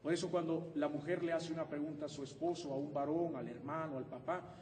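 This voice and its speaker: A man preaching a sermon as pastor in a church, animated and humorous. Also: a little high, brisk, recorded from a distance, a little hiss or hum. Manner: animated and humorous, acting out husband-wife exchanges. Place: church sanctuary. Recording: echoey hall, preacher away from the mic.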